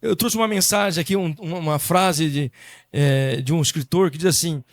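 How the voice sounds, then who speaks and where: A man's voice: on the high side, normal speed, dry recording, studio quality. A Brazilian man, a pastor, tells a personal story in a sermon and acts out the dialogue before building to emphatic preaching.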